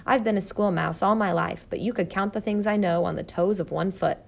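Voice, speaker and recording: A woman's voice: medium pitch, steady tone, a little fast, vocal fry. A woman voicing a scruffy, meek old male school mouse who speaks mildly and sheepishly, in a storybook reading. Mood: kindly.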